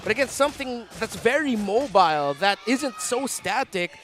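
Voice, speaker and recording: A man working as an esports caster, giving excited, emphatic live commentary on a game. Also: extremely high pitch, moderate pace, soft background music.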